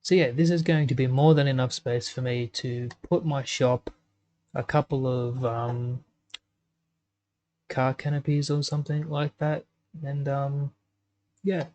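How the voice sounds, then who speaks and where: A man with a mid-pitched voice walks through editing a game map in unhurried, casual commentary. He thinks aloud and fills his pauses with ums while he has the hiccups. Mouse clicks can be heard behind him. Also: flat delivery, darkish tone. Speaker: gaming YouTuber.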